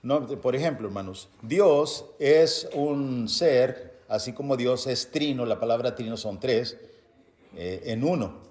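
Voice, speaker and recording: A man preaching a Bible-teaching sermon, reading verses aloud and explaining them to his listeners as brothers, with loud emphatic bursts between quieter explanation. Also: mid-range voice, lively intonation, slow pace. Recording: echoey room.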